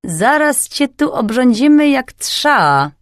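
A woman voicing a greedy old male thief in an audiobook, raspy and wheedling. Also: sits high, sing-song, slow pace, no room sound, clean studio sound, pitched above the performer's own voice, exaggerated voice.

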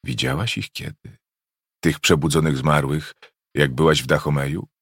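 A man's voice: a bass voice, animated, moderate pace, vocal fry, slightly rough, dry recording, clean studio sound, heavily acted. A man voicing a frightened, earnest young enslaved boy who asks timid questions.

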